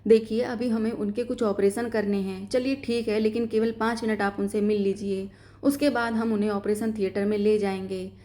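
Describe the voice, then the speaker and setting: A woman's voice: medium pitch, fairly even intonation, normal speed, dark tone, close to an everyday voice. A woman voicing a formal, firm hospital doctor in a story reading.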